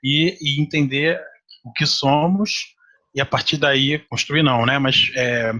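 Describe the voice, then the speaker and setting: A man from Brazil, a podcast guest, speaking in a measured, thoughtful way and often rephrasing himself. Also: mid-range voice, fairly even intonation, bright, forceful tone. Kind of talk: reflective conversation.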